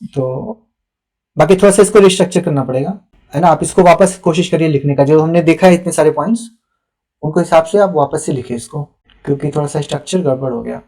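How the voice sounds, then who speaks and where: A young adult male teacher gives live feedback on students' written answers, reading them aloud patiently and instructively. His voice is a little high and warm, and he talks fast.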